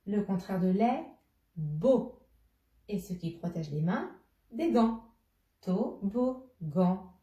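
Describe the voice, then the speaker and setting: A woman's voice: medium pitch, sing-song, warm tone, lo-fi sound. A woman teacher speaking to a young child, patiently setting riddles and repeating each clue. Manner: slow, patient, addresses a child directly, repeats clues. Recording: roomy, somewhat distant mic.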